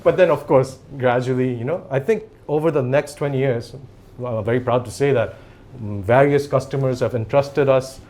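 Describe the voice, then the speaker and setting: Speaking at a normal speed in a mid-range, darkish voice, a man in his forties gives a casual podcast interview as a company CEO. His first language is Japanese, and he rambles through stories with small laughs between phrases.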